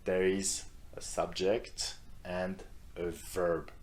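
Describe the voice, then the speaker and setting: Male teacher with a low voice for an online lesson; explains clearly and models phrases aloud for repetition. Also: flat delivery, very slow, darkish tone. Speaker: French teacher.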